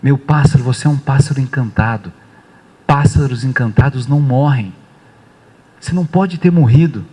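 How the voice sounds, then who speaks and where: A man voicing a loving little girl in a spoken story, soft and pleading. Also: mid-range voice, moderate pace, breathy edge, natural voice. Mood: despairing.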